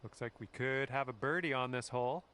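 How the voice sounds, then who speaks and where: An actor playing a friendly golf game commentator who speaks calmly and encouragingly to the player in scripted lines. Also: male voice, mid-range voice, a little fast, a little hiss or hum, lightly acted.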